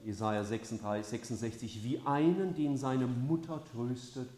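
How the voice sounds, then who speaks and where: An older male pastor preaching a heartfelt sermon, moving between quiet tenderness and loud, urgent appeals. His voice sits at a middle pitch and rings out in an echoey church hall. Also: moderate pace, a little hiss or hum. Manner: passionate, swings from soft to loud.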